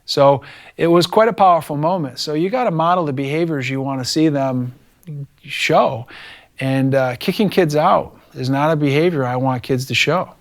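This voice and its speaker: A man's voice: fairly high pitch, normal speed. A middle-aged male teacher recounts a classroom story in a conversational interview. He talks casually and slips into the voices of the people in his story as he goes. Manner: animated, acts out quoted dialogue.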